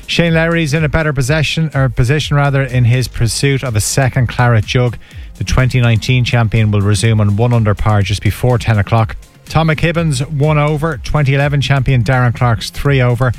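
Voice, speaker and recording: An Irish man reading a scripted sports bulletin as a radio newsreader. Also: mid-range voice.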